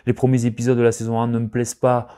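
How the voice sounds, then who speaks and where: Male collector vlogger, casual rambling chat, mid-pitched, excitable bursts, word-searching. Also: fast, slight background noise. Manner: rambling, chatty, often searching for words.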